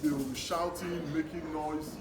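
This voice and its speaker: A middle-aged man with a Nigerian accent gives a motivational talk to schoolchildren, speaking deliberately in short, emphatic, repeated phrases. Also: a little high, fairly even intonation, creaky. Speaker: guest speaker, education worker. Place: echoey room at a live children's event. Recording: distant mic, echoey noisy room. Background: noise, small children.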